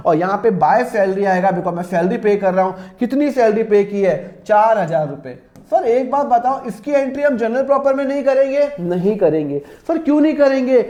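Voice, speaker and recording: A man teaching accounting in a lesson. He asks students' questions himself and answers them, and he draws out the entry names slowly. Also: sits high, darkish tone, reverberant. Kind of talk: classroom-style lesson with self-posed student questions.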